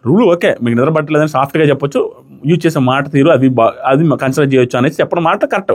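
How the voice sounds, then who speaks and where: A man reviewing a reality show in casual commentary, retelling each quarrel with animated quoting. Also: fairly high pitch, very fast. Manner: animated retelling, acts out quotes.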